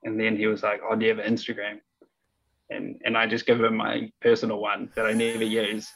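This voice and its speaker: A man's voice: monotone, a little fast, vocal fry, fairly bright tone, breathy edge, rough recording. A young man with a New Zealand accent chatting casually as a podcast guest, laconic and noncommittal. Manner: low-key, laconic, noncommittal. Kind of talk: casual chat.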